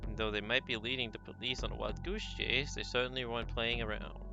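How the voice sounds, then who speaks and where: A man's voice: mid-range voice, fairly even intonation, fast, vocal fry, highs cut off, over music. A man streaming a story game, reading its narration aloud in a casual, joking way.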